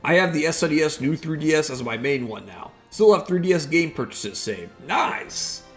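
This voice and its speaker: A man gives casual live commentary as host of a gaming video. His voice is slightly high and gravelly at the edges, with light music playing behind it. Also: lively intonation, moderate pace.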